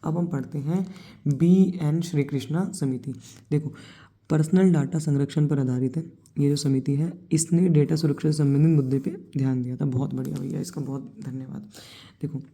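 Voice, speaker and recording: A woman's voice: low-pitched, steady tone, normal speed, warm tone. A young woman teaching an exam coaching lesson in a chatty, informal way, speaking straight to her students and teasing them now and then. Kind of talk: informal online lecture.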